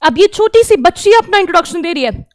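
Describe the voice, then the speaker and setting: A young woman teaching a French lesson to children, explaining in Hindi and reading example phrases slowly and clearly. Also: extremely high pitch, animated, no room sound, clean studio sound. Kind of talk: online class lecture.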